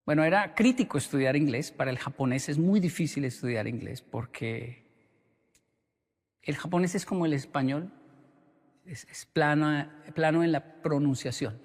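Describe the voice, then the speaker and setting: Brief: male preacher-storyteller, animated, voices his characters, reverberant venue. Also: fairly high pitch, moderate pace. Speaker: motivational speaker. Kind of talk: storytelling sermon.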